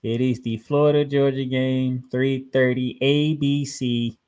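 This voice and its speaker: An American man co-hosting a college football preview show, announcing matchups in an animated way. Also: mid-range voice, unhurried, clean tone. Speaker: sports show co-host.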